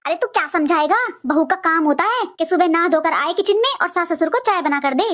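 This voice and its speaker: A woman's voice: very high-pitched, lively intonation, brisk, fairly bright tone. A woman playing a talkative middle-aged mother-in-law who scolds sharply but cares about her family. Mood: scolding.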